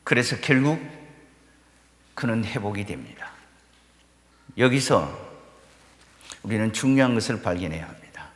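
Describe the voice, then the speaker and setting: A man preaching a sermon as pastor of his church, building to fervent peaks and dropping low between them. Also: very animated, a little slow, pauses often. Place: church sanctuary. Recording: echoey church hall reverb.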